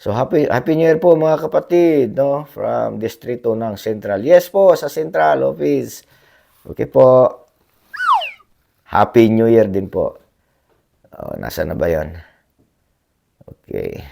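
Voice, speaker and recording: A man vlogging in a casual, rambling chat to his viewers, hoarse from a cough, politely tagging his sentences with little questions. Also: mid-range voice, very animated, slow pace, pauses often, warm tone. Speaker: blogger reading viewer comments. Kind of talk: casual livestream-style chat.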